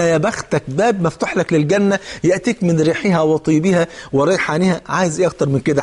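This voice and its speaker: A man's voice: high-pitched, slightly rough. A man preaching a colloquial religious sermon in an Egyptian Arabic accent, fervent and asking his listeners rhetorical questions.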